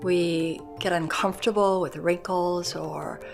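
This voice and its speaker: A woman in her sixties, a yoga instructor and life coach, giving a slow, reflective and candid interview in a yoga studio. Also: lowish voice, steady tone, gravelly, faint music behind. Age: 60s. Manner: slow, thoughtful, warmly candid.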